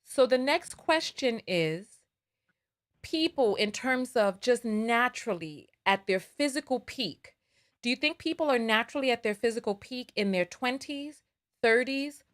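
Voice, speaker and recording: A woman's voice: a little high, animated, a little slow. A woman hosting a live call-in advice show, earnest and probing, pressing a caller with pointed questions. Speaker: host.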